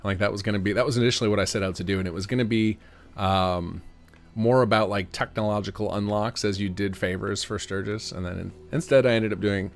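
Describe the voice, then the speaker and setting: A man's voice: on the low side, steady tone, fairly quick, gravelly. A man giving casual, rambling gameplay commentary as a streamer, thinking aloud. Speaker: game streamer and modder.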